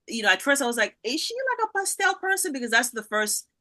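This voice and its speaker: A woman's voice: sits high, very animated, quick pace, bright, forceful tone. A woman hosting an interview, chatting casually and responding with enthusiasm and frequent affirmations. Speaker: interview host.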